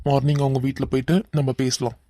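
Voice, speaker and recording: A man's voice: mid-range voice, flat delivery, fast talker, dark tone, no room sound, lightly acted. A man voicing a hot-tempered young man who mocks and threatens a crook, with a Kanyakumari Tamil accent, in a cartoon. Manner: threatening, mocking.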